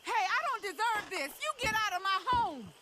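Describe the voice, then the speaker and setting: An actress playing a fierce, sharp-tongued captive woman from the swamp in a video game. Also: very high voice, lively intonation, normal speed, very noisy. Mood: bitter.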